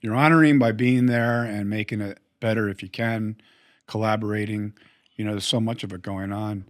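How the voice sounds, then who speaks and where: A man's voice: lowish voice, fairly even intonation, normal speed, no echo. Enthusiastic male host, dry sound. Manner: enthusiastic, frequent affirmations. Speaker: podcast host. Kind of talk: casual interview chat.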